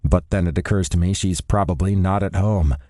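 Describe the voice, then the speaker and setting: Brief: male audiobook narrator, first-person romance, wry delivery; low pitch, dry close studio sound. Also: a little fast, dark tone, no room sound.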